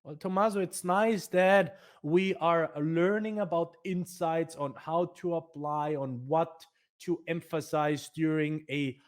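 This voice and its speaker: Man, foundation presenter, emphatic, fillers, slightly high pitch. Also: fairly even intonation, slow. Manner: emphatic, many fillers and restarts. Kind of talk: career advice presentation.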